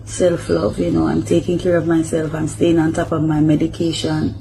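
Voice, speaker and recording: A woman giving an emotional apology on a livestream, in a subdued, halting, heartfelt way. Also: low voice, little pitch movement, creaky, background noise.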